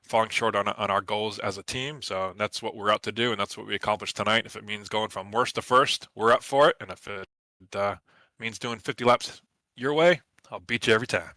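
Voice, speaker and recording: Fresh off his win, a New England man gives a confident, competitive post-race interview, talking a little fast with lots of fillers. His voice is fairly low and sharp in tone, with no echo.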